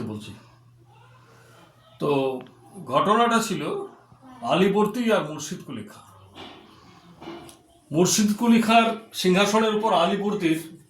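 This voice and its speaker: An adult folk-theatre performer chatting casually and explaining a scene. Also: medium pitch. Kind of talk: casual chat, then setting up a scene. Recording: echoey room.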